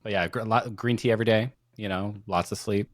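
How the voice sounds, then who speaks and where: A man's voice: on the low side, steady tone. A man in his forties hosting a podcast, chatting in an easygoing, agreeable way and chiming in often. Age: 40s. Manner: easygoing, agreeable, quick to chime in. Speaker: podcast host. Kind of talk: casual interview conversation.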